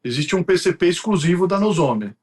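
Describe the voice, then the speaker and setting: A man's voice: high voice, expressive, brisk, a little mellow. A man with a Brazilian accent, an interview guest explaining things in conversation. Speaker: guest from a printing company.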